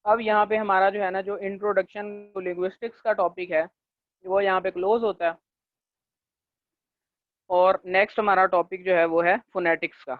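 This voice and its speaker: A man's voice: high-pitched, little pitch movement, no room sound. Man lecturing over a tinny line. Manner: leans on the filler "jo hai na" and checks in with "theek hai"; slows down to dictate English definitions. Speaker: linguistics lecturer. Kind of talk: classroom lecture. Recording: tinny, dry, phone-like recording.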